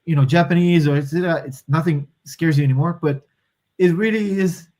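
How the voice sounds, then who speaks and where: A Moroccan man whose native languages are Moroccan Arabic and French speaks as a guest in a conversational interview. His voice is a little high and darkish in tone, slightly fast, and he is thoughtful, often restarting and searching for words.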